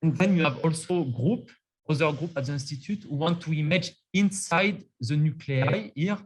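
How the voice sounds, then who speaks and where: Male scientist presenting over a video call, halting delivery, fairly high pitch, sound dropping in and out from a distant computer mic. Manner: hesitant, many fillers and restarts. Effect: sound cutting in and out like a loose cable. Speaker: microscopy facility scientist presenting. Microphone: computer mic, speaker too far from it.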